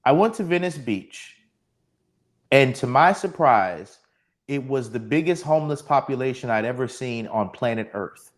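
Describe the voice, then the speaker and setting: A man's voice: medium pitch, expressive, moderate pace. A man in his forties from Texas, hosting a solo live podcast stream, ranting sardonically and speaking to the chat. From Texas, USA. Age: 40s. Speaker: podcast host.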